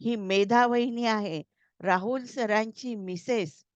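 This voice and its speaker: A woman voicing an excited young man who works in an office, in a slow, eager storytelling read, on a slightly dull, dry recording. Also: a little high, dry recording.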